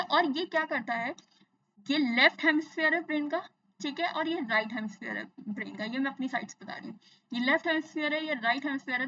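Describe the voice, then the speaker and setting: A woman's voice: sits high, bright, forceful tone, far from the mic, dull audio. A young adult woman teaching a science lesson, asking and answering her own questions and repeating key terms. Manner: explains in Hindi mixed with English, repeats terms, asks and answers own questions. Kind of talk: exam-focused science lesson.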